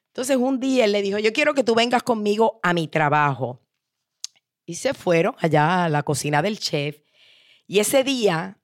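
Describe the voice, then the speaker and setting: A woman hosting a motivational podcast, telling a story expressively and putting questions directly to the listener. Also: mid-range voice. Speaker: podcast host.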